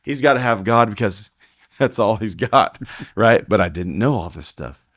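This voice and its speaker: A man's voice: lowish voice, normal speed, dry recording, clean studio sound. A man guesting on a podcast, telling stories casually and animatedly, acting out what others said. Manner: animated retelling, acting out quoted talk; frequent laughter, restarts. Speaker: podcast guest, rodeo heeler. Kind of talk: casual storytelling in a podcast interview.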